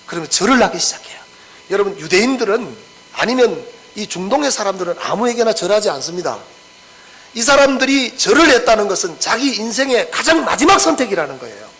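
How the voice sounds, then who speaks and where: A man's voice: sits high, very animated, fairly quick, a bit bright, low-quality recording. A pastor preaching an expository sermon. He acts out the scripture quotes and keeps asking the congregation questions.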